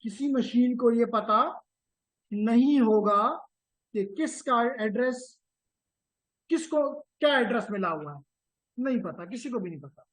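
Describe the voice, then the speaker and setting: A man's voice: very high-pitched, animated, a little slow, long pauses, a bit bright, poor audio. Patient male networking instructor. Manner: repeats key terms, checks understanding often; mixes English technical terms into Urdu. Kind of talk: live class lecture.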